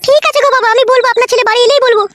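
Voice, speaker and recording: A woman's voice: extremely high pitch, steady tone, racing, noisy background, pitched above the performer's own voice. A woman voicing a dutiful, polite young wife in a comedy cartoon, speaking respectfully to her father-in-law. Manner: respectful, soft-spoken.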